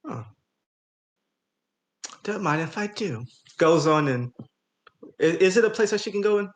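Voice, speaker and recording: Tabletop player, casual and hesitant, mid pitch. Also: animated, measured pace. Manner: hesitant, many restarts and fillers. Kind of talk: casual tabletop game play.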